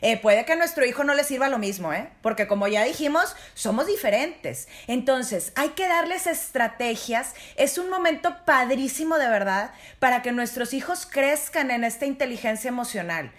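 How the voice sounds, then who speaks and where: High-voiced woman giving parenting advice. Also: expressive, normal speed, few pauses. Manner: warm, explanatory, addresses parents directly. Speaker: parenting guest expert. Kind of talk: casual advice talk.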